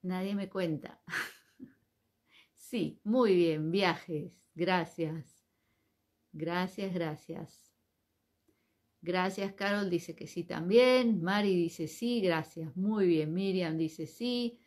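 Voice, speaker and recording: A woman's voice: fairly low pitch, very slow, long pauses, a little mellow. A woman teaching a live online Hebrew class, speaking patiently and spelling each word out letter by letter.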